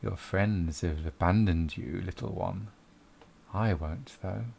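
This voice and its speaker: A man plays a sinister spirit in a tabletop game, soft-spoken darkly as if just behind you. The ASMR role-play is low and slow, coaxing and menacing, with noise in the background. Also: gravelly, heavily acted.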